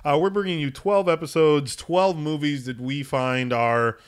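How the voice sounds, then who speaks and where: A man's voice: fairly high pitch, steady tone, a little slow, smooth. A man hosting a casual podcast in an absent-minded, rambling way, losing his thread as he goes. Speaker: podcast host. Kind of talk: casual unscripted podcast chat.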